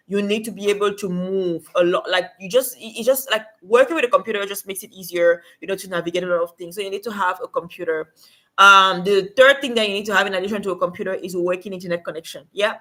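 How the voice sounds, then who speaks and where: Woman livestream host from Cameroon, conversational with fillers, bright sound. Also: medium pitch. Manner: chatty, many fillers, talks to viewers in chat. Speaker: livestream host and remote work coach. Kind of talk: casual livestream advice.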